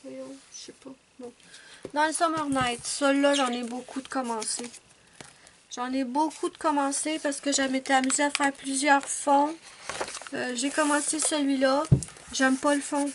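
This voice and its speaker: A woman's voice: high voice, steady tone, normal speed, slight background noise. A woman chatting casually as a coloring vlogger, rambling and correcting herself as she thinks aloud. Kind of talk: casual show-and-tell chat.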